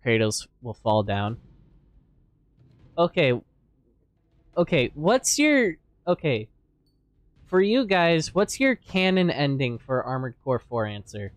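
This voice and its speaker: Tired male streamer, smooth voice. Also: mid-range voice, sing-song, takes it slowly, pauses often, no echo. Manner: rambling, hesitant, repeats words. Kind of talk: casual chat while gaming.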